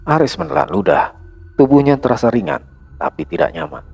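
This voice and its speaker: A man narrating a horror story in a dramatic, hushed storytelling manner. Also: mid-range voice, very animated, fairly quick, vocal fry, husky, faint music behind.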